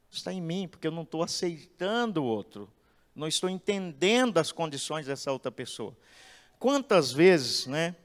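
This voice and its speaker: A man, preaching animatedly in a church and often asking "entende?". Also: a little high. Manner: animated, acts out quotes, asks "entende?". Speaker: pastor giving a talk. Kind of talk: expressive sermon-style lecture. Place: church hall. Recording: echoey church hall.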